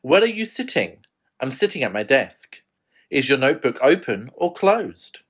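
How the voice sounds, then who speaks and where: A man with a British accent reading English course drill questions and answers slowly and deliberately. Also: mid-range voice, husky. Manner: slow, deliberate reading with lively intonation. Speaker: course audio reader. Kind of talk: scripted language drill.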